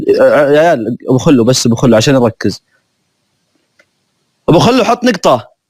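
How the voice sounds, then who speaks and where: A man chatting live with his stream viewers in a rapid, teasing, playful way. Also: mid-range voice, expressive, a little mellow, no room sound, clean studio sound.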